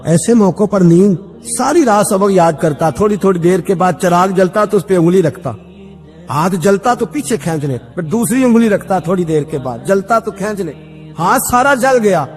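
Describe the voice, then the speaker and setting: A male preacher telling a devotional story in an emotional sermon, his voice swelling dramatically. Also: animated. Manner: dramatic, building to impassioned highs. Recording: long reverb in a big hall, faint music.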